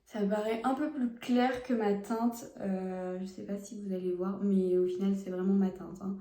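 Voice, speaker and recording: A woman's voice: medium pitch, steady tone, normal speed, mellow, roomy sound. A young woman doing a casual makeup test vlog, talking frankly and chattily to her viewers while she applies products, recorded on a phone at home. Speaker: beauty vlogger. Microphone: phone camera.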